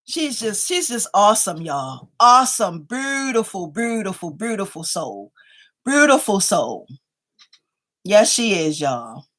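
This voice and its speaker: Her fairly high voice has a sharp tone. She's a livestream host in her fifties who chats playfully with viewers, reads their comments aloud, and repeatedly addresses them as "y'all."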